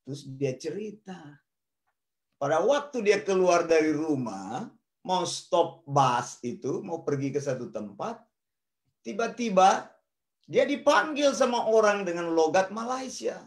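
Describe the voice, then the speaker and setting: A man's voice: high-pitched, very animated, measured pace. A man teaching the Bible in sermon style, telling a story and addressing his listeners directly. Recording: roomy echo.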